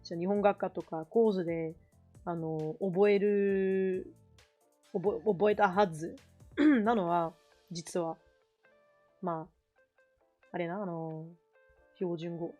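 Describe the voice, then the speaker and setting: A woman's voice: fairly low pitch, steady tone, takes it slowly, long pauses, lo-fi sound, faint music behind. Chatty Kansai woman streamer. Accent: Kansai Japanese. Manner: rambling, self-correcting, mixing Japanese and English. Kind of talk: casual chat while drawing.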